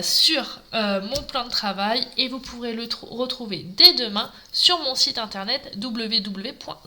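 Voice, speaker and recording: A woman's voice: fairly high pitch, sharp tone, slight background noise. A woman from Normandy leading a live papercraft tutorial, chatting and greeting viewers by name as she works at her craft table. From Normandy, France. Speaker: craft demonstrator.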